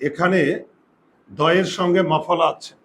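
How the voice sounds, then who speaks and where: A man's voice: high-pitched, steady tone, fairly bright tone, slight background noise. A man teaching a Bengali grammar class, explaining step by step and asking students whether they follow. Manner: drawn-out, emphatic pronunciation of example words. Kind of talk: classroom lesson.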